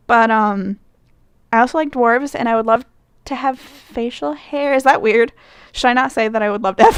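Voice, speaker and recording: Answering a fan questionnaire, this young woman vlogger from Michigan, United States rambles casually, full of fillers and self-corrections. She has a Midwestern American accent and a clean voice on the high side, with no room sound.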